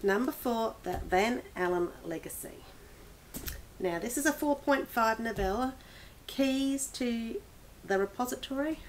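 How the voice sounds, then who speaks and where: A woman's voice: on the high side, unhurried, slight background noise. A woman reviewing books in a casual, rambling vlog, with many restarts and small laughs. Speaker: book vlogger. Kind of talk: casual book review chat.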